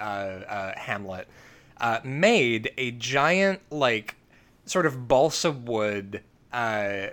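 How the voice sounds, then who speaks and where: A man's voice: medium pitch, bright, forceful tone. A man co-hosting a podcast who tells rambling stories in casual chat, full of fillers and restarts. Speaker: podcast co-host.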